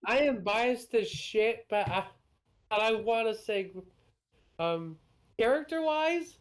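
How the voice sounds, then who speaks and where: A woman in a casual gaming chat, talking slowly and thoughtfully, with pauses and ums. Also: on the high side, animated. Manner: slow, thoughtful, hesitant with ums. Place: home streaming setup.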